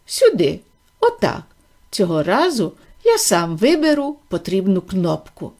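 Storybook figure: eccentric, theatrical factory owner, gushing and excitable, voiced by a woman reader, warm and soft. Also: mid-range voice, unhurried, full character voice. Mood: hurried. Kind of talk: audiobook reading.

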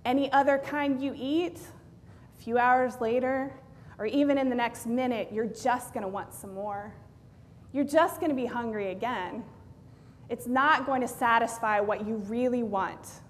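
A woman in her thirties, a pastor, preaching a sermon with lively storytelling and acted-out quotes. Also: fairly high pitch, unhurried, a little hiss or hum. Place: large church sanctuary, indoors. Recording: long church reverb.

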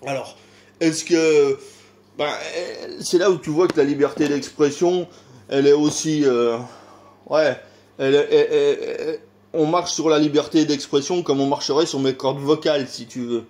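Man, French accent, middle-aged, casual rambling, fillers and sighs, rhetorical questions, slightly high pitch. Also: steady tone, moderate pace, a little mellow. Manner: hesitant, lots of filler sounds and sighs. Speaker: YouTuber.

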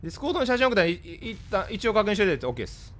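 Lively Kansai-accented male streamer. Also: sits high. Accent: Kansai Japanese. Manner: blunt, scolding, rapid-fire retorts. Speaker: live streamer. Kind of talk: casual live-stream chat with viewers.

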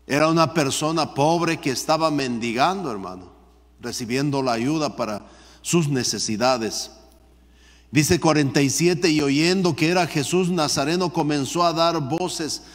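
A male pastor leading a Bible study, reading scripture and commenting on it while often calling listeners "brother", his voice rising high and loud at the emotional peaks. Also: unhurried. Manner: reads scripture aloud, then comments, often addressing listeners as "hermano"; voice rises sharply in pitch and loudness when repeating the cry for mercy. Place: church. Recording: long church hall reverb.

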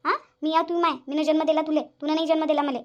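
A woman's voice: high-pitched, little pitch movement, racing, lo-fi sound, close to an everyday voice. A woman voicing a nagging cartoon mother-in-law. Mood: sarcastic. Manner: nagging, scolding, sarcastic. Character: bossy older mother-in-law, quick to scold and complain. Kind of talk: cartoon voice acting.

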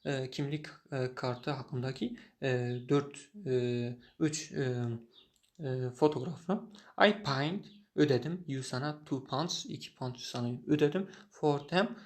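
Duraksayan erkek İngilizce öğretmeni. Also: male voice, medium pitch. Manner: halting, many filler sounds. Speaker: English teacher. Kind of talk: reading a story and translating line by line.

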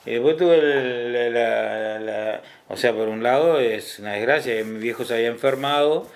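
A man's voice: mid-range voice, normal speed. Hesitant middle-aged Argentine man. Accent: Argentine Spanish. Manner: hesitant, repeats words, adds tag questions. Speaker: hospital ambulance driver. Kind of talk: casual interview talk.

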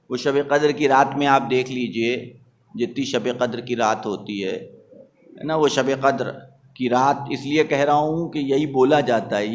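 A male cleric with an Indian Urdu-Hindustani accent, preaching a sermon to a gathering, repeating his phrases and asking the crowd to confirm, and building to forceful emphasis. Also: fairly high pitch, slight background noise. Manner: rhetorical, repeats phrases, asks the crowd "isn't it?"; rises to forceful emphasis on key points. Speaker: Shia cleric giving a majlis sermon.

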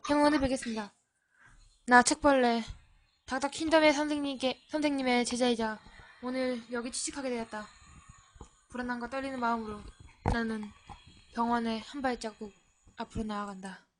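A woman with a high voice streams a game, reading the story text aloud and then murmuring softly to herself as she plays. The talk is casual and mostly quiet, as if she is thinking out loud. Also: fairly even intonation, brisk, a little hiss or hum.

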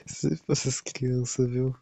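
A man with a Brazilian accent giving casual gameplay commentary, full of excitable exclamations and chuckles. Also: medium pitch, creaky, dry recording. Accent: Brazilian Portuguese. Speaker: gaming streamer.

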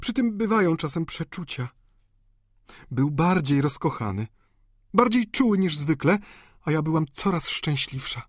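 A man's voice: fairly high pitch, lively intonation, measured pace, pauses often, no echo, clean studio sound, voice pushed up. A man voicing a desperate tearful young countess. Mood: anguished. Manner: pleading, breathless emotional outbursts. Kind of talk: audiobook character reading.

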